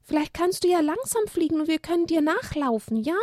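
An impatient little donkey foal, put on by a woman reader in a children's storybook. He begs in a squeaky, high voice that leaps about, pleading to be taken along. The sound is dry and close. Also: animated, a little fast, darkish tone, dry recording. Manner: pleading, breathless begging. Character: eager impatient young male donkey foal.

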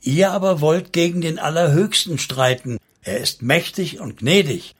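A man's voice: fairly high pitch, normal speed, breathy edge, pitched above the performer's own voice. Kaleb, a man doing a grumbling old elder. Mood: earnest. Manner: murmuring, grumbling.

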